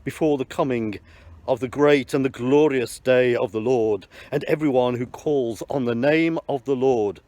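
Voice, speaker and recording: A man's voice: medium pitch, moderate pace, dark tone, no room sound, natural voice. A man reading the part of the apostle Peter, proclaiming earnestly to a crowd, with small slips. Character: Peter, bold male apostle addressing a crowd. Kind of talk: church Bible reading in parts.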